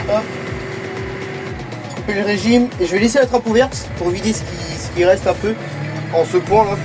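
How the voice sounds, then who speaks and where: Poor audio captures a high-pitched young man, congested from a cold, casually narrating his farm work as he films from a tractor. He's talkative but hesitant, with frequent repeats. The scenes take place in the tractor cab and outside in the farmyard.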